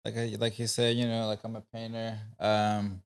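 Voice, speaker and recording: A man in his twenties from Rwanda, a painter answering interview questions in a relaxed way, leaning on "you know" and "like". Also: on the low side, moderate pace, clean tone. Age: 20s. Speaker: guest painter. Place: podcast studio.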